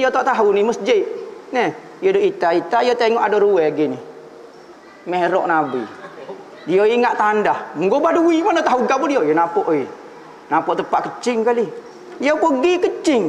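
A Malaysian man, telling a religious story as a preacher, his pitch swinging between high and low as he acts out the story. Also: a little hiss or hum. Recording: echoey hall, faint room ambience.

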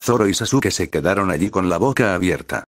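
A man reading a fan story aloud in a flat, steady way, stumbling now and then. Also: sits low, fairly quick, dry recording, studio quality. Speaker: reader of fan fiction.

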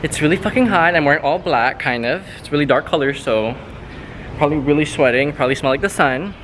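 A man's voice: on the high side, fast, a bit bright, slight background noise. A young man vlogging casually on a city street, rambling and swearing, with a handheld camera and music playing behind. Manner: rambling, profane, self-mocking. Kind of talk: casual vlog chatter. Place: city street outdoors, walking.

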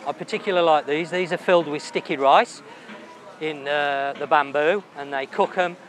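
A man's voice: a little high, moderate pace. A man hosting a walking tour of a night market, chatting enthusiastically and thinking aloud about the food he sees. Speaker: travel vlogger host. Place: busy outdoor night market. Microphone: handheld camera while walking. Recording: loud outdoor market noise.

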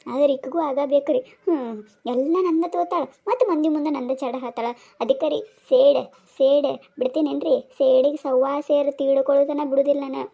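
A woman's voice: sits high, fairly even intonation, a little fast, vocal fry, few pauses, narrow, tinny audio. A woman voicing a scheming village woman with a North Karnataka accent who gloats to the listener about her plan in a cartoon comedy. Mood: vengeful. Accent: North Karnataka Kannada. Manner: sly, gloating, confiding.

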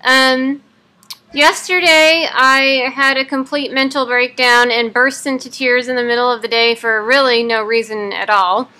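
A woman's voice: high-pitched, steady tone, measured pace, pushed and bright. A woman in her thirties giving a casual personal video update, speaking through teeth clenched by a wired-shut jaw. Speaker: vlogger. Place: living room at home.

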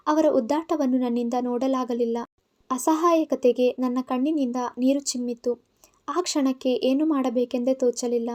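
A woman storyteller narrating in the first person, reading with feeling and clear expression. Her voice is high and light throughout. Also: steady tone, normal speed, mellow.

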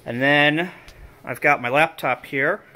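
In an indoor room with equipment spread across folding tables, an amateur radio hobbyist talks through his gear informally and a little uncertainly, narrating his thoughts. His voice is fairly high, slow and sharp-toned, captured by the phone or camera in his hand.

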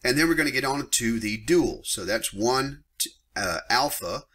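A man's voice: medium pitch, expressive, normal speed, a bit bright, breathy edge. A middle-aged man teaching a lesson on pilot regulations, blunt and emphatic, getting worked up and tossing casual asides to his viewers. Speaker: flight instructor. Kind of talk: screen-share lesson on aviation regulations.

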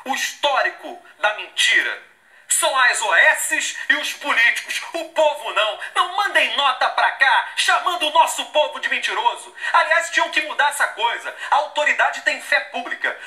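A man's voice: very high-pitched, animated, moderate pace, pushed and bright, reverberant. A man in his forties with a Brazilian accent, a news anchor in a studio giving sarcastic, emphatic commentary while reading out a statement. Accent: Brazilian Portuguese. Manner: indignant, sarcastic, emphatic, gesturing. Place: television studio.

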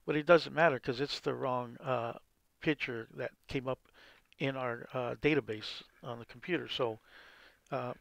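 A man's voice: medium pitch, steady tone, normal speed, vocal fry, fairly bright tone, no room sound. A man hosting a gameplay video, explaining casually and rambling as he plays. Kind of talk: casual game commentary.

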